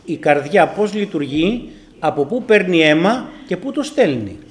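An older man from Greece telling his personal testimony to a congregation, earnest and emphatic, his loudness rising and falling. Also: high-pitched, big pitch swings. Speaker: church member giving testimony.

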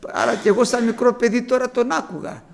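High, gravelly-voiced fervent preacher man. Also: steady tone. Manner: fervent, rising emphatic delivery. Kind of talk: testimony sermon.

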